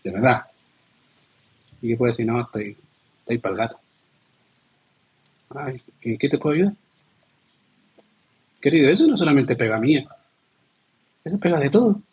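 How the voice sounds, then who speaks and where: A man's voice: medium pitch, animated, moderate pace, pauses often, husky, dull audio. A man with a Chilean accent, a pastor giving a sermon in an earnest way, often calling his listeners "dear". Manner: earnest, addresses listeners as "querido".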